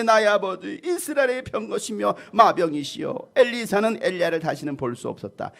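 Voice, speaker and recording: A middle-aged male pastor preaching a lively storytelling sermon, acting out scenes with sound effects and quoted voices. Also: high-pitched, creaky.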